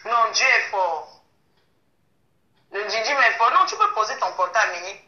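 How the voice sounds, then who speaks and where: A woman's voice: fairly high pitch, lively intonation, normal speed, sharp tone. A woman hosting a casual live stream on her phone, chanting and exuberant, slipping into pidgin. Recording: echoey room, dull lo-fi phone sound.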